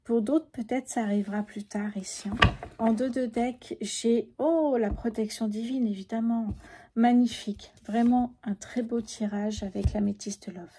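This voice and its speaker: A woman in her fifties with a sore throat, speaking softly and sometimes whispering as she lays out a tarot reading. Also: a little high, fairly even intonation, unhurried, a little hiss or hum. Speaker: tarot card reader.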